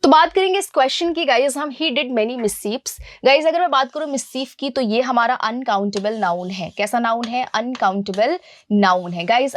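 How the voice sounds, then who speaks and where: A woman's voice: on the high side, no echo. A young woman teaching an exam-prep grammar lesson, calling her students "beta" and asking questions she then answers herself. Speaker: English teacher.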